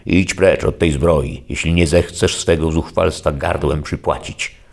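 A man with a very deep, gravelly voice voicing a deluded, grandiloquent older knight who declaims in lofty archaic phrases, in a storybook reading. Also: fairly even intonation, unhurried, heavily acted. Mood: threatening.

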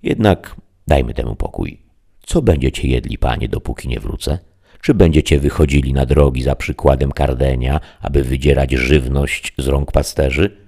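A man voicing a blustering, excitable peasant squire in a loud, folksy way, reading an audiobook. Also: rumbling low, moderate pace, gravelly, husky, exaggerated voice.

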